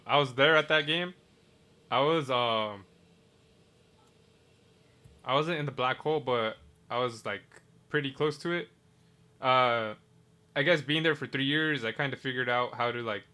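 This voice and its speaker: A man hosting a podcast, telling stories in casual chat, acting out quotes and laughing, with some swearing. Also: medium pitch. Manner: animated storyteller, laughs through retold quotes, swears. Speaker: podcast host.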